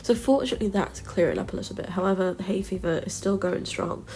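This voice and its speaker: A woman's voice: medium pitch, fast talker, darkish tone, a little hiss or hum. A woman with a slightly blocked-nose sound, chatting casually and rambling through a video game build voiceover. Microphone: close voice-over mic or phone.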